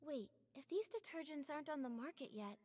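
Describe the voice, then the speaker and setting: A woman voices a gentle, curious young heroine in a video game, speaking with politeness and thought. Her voice is high and animated, moving a little fast.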